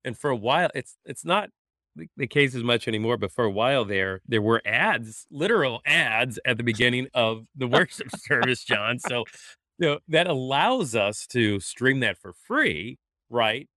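A pastor co-hosting a relaxed faith podcast talks easily and laughs a lot. His mid-pitched voice is animated and sharp-toned at a moderate pace. The recording is dry and studio quality.

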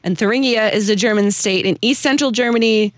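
Telling a researched story to her co-hosts, this podcast host speaks in a fairly high, brisk voice. She's chatty and enthusiastic, tossing in self-deprecating asides, and the studio-quality recording has no room sound.

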